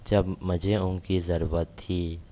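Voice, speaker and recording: An angry, grieving young wife who is expecting a child, her lines read out by a man. The delivery stays plain and unacted. The voice sits low and level throughout. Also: little pitch movement, mellow, close to an everyday voice. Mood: angry grief. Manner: plain read-out of a quoted line.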